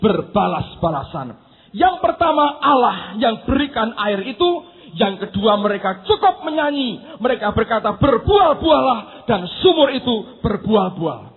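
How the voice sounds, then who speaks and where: A high-pitched man preaches with fervor, his voice rising and falling dramatically and erupting into shouts. The tone is husky. The recording sounds tinny and phone-like, with a long reverb trailing behind as in a large church hall. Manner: impassioned preaching, bursts into shouts. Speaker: pastor. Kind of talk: sermon.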